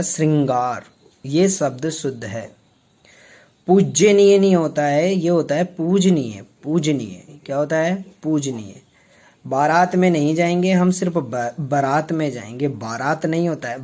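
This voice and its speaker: A man from Rajasthan gives a spelling lesson in a voice pitched a little above most men's. He repeats each word slowly and keeps checking in with short questions to the class. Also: a little mellow. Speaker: teacher.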